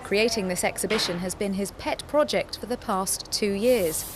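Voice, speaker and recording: A woman's voice: mid-range voice, normal speed, background noise. Woman reading a news report. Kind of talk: scripted news report narration.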